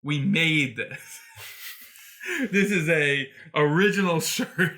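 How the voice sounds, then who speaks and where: A man co-hosting a podcast, joking around in loud, playful banter. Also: a little high, sing-song, very slow. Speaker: podcast co-host.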